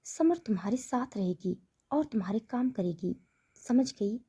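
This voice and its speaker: A woman's voice: fairly high pitch, animated, unhurried, dark tone, slightly rough, heavily acted. A woman voicing a stern, domineering wealthy mother who speaks in a firm, commanding way.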